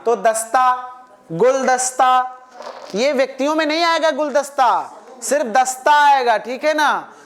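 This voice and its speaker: Slow, repetitive male teacher in echoey classroom. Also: very high-pitched, fairly bright tone. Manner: repeats each word several times, keeps asking "है ना". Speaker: Hindi grammar teacher. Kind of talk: classroom lecture. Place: echoey classroom full of students. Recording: echoey classroom with student chatter.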